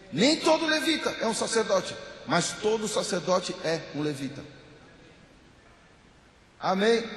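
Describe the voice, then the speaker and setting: A man's voice: high voice, fairly bright tone. A Brazilian man preaching a church sermon in emphatic, repetitive short phrases, with sound like an echoing bathroom. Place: church hall, amplified to a congregation. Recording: echoing bathroom-like sound, long hall reverb.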